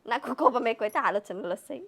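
A woman's voice: fairly high pitch, lively intonation, quick pace, a bit bright. A woman, playfully calling out guesses in a casual family game. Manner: playful, repeats guesses aloud, laughs. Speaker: vlog host, guessing player.

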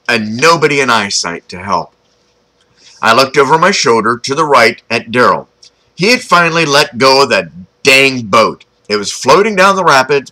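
A man's voice: mid-range voice, bright, forceful tone, rough recording. A man reading his own story aloud, chatty and informal, breaking off for asides and jokes to the listener. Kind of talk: storytelling narration.

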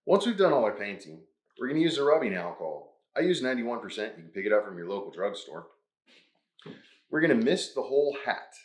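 A man's voice: on the low side, big pitch swings, fairly quick, reverberant. A man hosting a hands-on craft tutorial, who talks upbeat through each step. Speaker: host.

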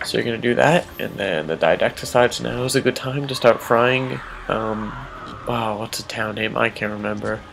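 A young man with a nasal voice giving relaxed speedrun commentary, explaining as he plays. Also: mid-range voice, normal speed, creaky, slight background noise. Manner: relaxed, explanatory, frequent ums. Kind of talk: casual gameplay commentary.

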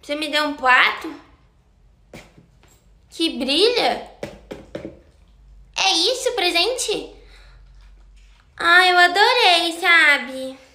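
Brief: woman playing a spoiled whiny little girl, slow taunting drawl, bright tone. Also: high-pitched, lively intonation, creaky, exaggerated voice. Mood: sulky, pushy. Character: bratty spoiled little girl, rude and defiant. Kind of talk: comedy sketch role-play.

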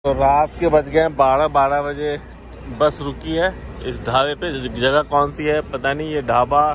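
Filming his travel vlog on a phone at arm's length, a middle-aged man narrates chattily on the move at a bus, a roadside dhaba and a highway halt, outdoors at night and at dawn. His fairly high voice has fairly even intonation and a measured pace. A crowd and noisy traffic can be heard behind him.

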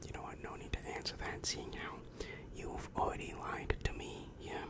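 Playing a demon counselor, a young man delivers ASMR in a soft, breathy whisper, asking his questions slowly and with measured calm. He records in a small, dim indoor room, mouth right up to a large microphone.

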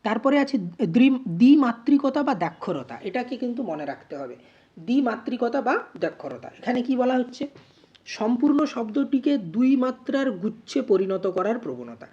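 A woman teacher explaining grammar, spelling out words slowly syllable by syllable. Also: a little high, sing-song, mellow, slightly rough, muffled recording. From West Bengal, India. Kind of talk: grammar lesson.

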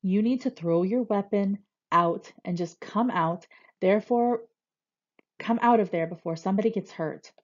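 A woman's voice: medium pitch, normal speed, muffled recording, close to an everyday voice. Woman voicing a urgent police negotiator. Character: male police negotiator on the phone.

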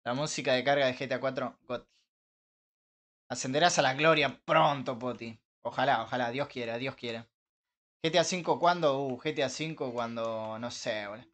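A young man with an Argentine Rioplatense accent, chatting casually with his live-stream viewers while gaming, joking, swearing and breaking into frustrated shouts. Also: mid-range voice, fairly quick. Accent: Argentine Rioplatense Spanish. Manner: banters with chat, swears, bursts into frustrated shouts.

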